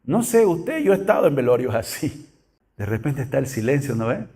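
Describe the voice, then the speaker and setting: A man's voice: medium pitch, big pitch swings, fairly quick, dark tone, breathy edge, in a large hall. A man preaching a sermon, speaking emphatically and repeatedly calling out to his congregation. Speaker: pastor.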